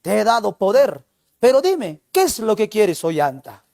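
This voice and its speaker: A man's voice: high voice, big pitch swings, normal speed, creaky, a little mellow, no room sound, clean studio sound, exaggerated voice. A male teacher playing a proud, generous Inca king and doting father, in a raised, declamatory voice. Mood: grand.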